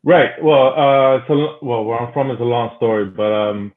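A talkative, easygoing man whose first language is Spanish chats as a guest on a casual podcast interview. His voice sits in the mid range at a moderate pace, and the line sounds tinny, like a phone.

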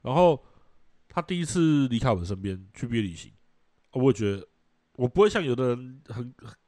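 A middle-aged man with a Taiwanese Mandarin accent, hosting a casual chat show, telling stories in a blunt, profane and animated way. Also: medium pitch, fairly quick, no echo. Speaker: podcast host.

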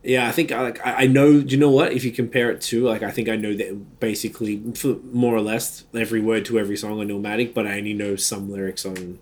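A man's voice: fairly low pitch, flat delivery, fast talker, few pauses, a little mellow. A man hosting a podcast in casual banter, talking in slangy, sweary roadman-style street talk. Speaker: podcast host.

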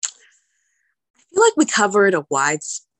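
A woman's voice: mid-range voice, wildly swooping pitch, slow, fairly bright tone, no room sound. A woman speaking casually as an interview guest, explaining things conversationally and repeating words for emphasis. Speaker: podcast guest, healthcare lawyer.

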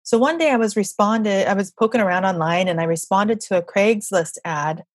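Husky middle-aged woman telling a story. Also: mid-range voice, normal speed, no room sound. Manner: chatty, conversational, animated storyteller. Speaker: guest podcast host. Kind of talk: casual storytelling monologue.

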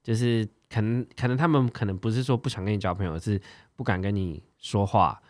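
Male podcast host, deep pitch, conversational questioning, very dry studio-like sound. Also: fairly even intonation, a little fast, no room sound. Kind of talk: casual interview questions.

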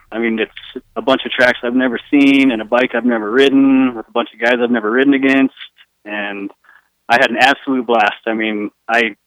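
A man's voice: medium pitch, fairly bright tone, clear, resonant tone, dry recording, low-quality recording. A man guest talking in an easygoing way, with lots of fillers, in a casual interview. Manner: laid-back, easygoing, many fillers. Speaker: guest racer.

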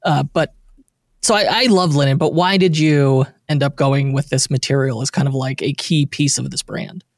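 A man's voice: mid-range voice, fairly even intonation, moderate pace, dry recording, clean studio sound. A man hosting a podcast interview in a casual, chatty, self-deprecating way. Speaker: podcast host.

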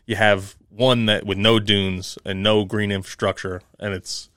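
A man chats casually. His voice sits fairly low, and the recording is close and dry, as on a co-hosted podcast. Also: flat delivery, unhurried, a bit bright, clean tone, no echo. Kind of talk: casual chat.

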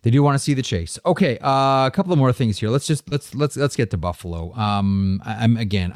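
A man's voice: fairly low pitch, a little mellow, no room sound, studio quality. A man co-hosting a hockey podcast in casual chat, asking pointed questions and steering the talk onto the next topic.

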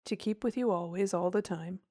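Woman doing a slow, ominous old country farmer. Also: medium pitch, warm tone, no room sound, clean studio sound, close to an everyday voice. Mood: grave. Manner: slow, weighty country speech. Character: elderly rural English farmer, kindly but ominous.

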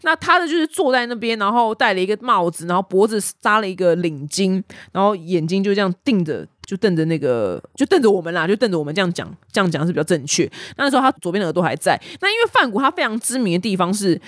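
A young adult woman, hosting a casual news chat with animated storytelling. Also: medium pitch, fast, few pauses, no echo, studio quality. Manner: chatty, animated storytelling with voiced quotes. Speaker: news podcast host.

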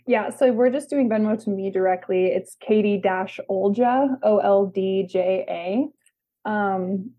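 A young woman answering interview questions in a relaxed, casual way, laughing easily. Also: medium pitch, slow pace, phone-quality sound. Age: young adult. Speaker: guest, beach volleyball player.

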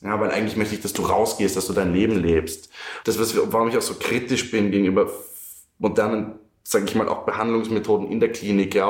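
A man, a psychiatric nurse, telling stories animatedly in a casual podcast chat. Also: on the low side. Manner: animated storytelling, many restarts. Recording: roomy echo.

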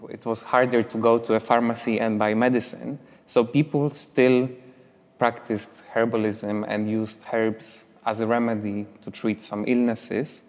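A man's voice: mid-range voice, long reverb tail. A young man from Poland, talking casually as a guest in a live stage interview, with many fillers. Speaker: interviewee, writer.

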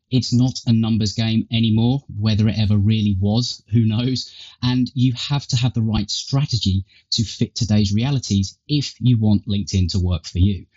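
A man's voice: on the low side, darkish tone, slightly rough, muffled recording. A man speaking as a podcast host, delivering show introductions and announcements to listeners.

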